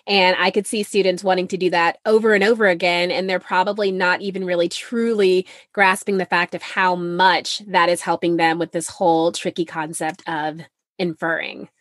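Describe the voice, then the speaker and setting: A woman's voice: on the low side, flat delivery, normal speed, fairly bright tone, no room sound, studio quality. A woman hosting a podcast, responding to her guest with effusive, enthusiastic praise. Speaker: podcast host. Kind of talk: conversational interview.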